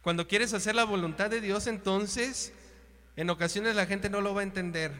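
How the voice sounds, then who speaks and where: A man gives an informal sermon from the pulpit, his voice pitched fairly high for a man. He talks conversationally, with colloquial asides and rhetorical questions. His voice rings out with a long reverb, as in a church hall. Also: normal speed, bright, forceful tone. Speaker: preacher.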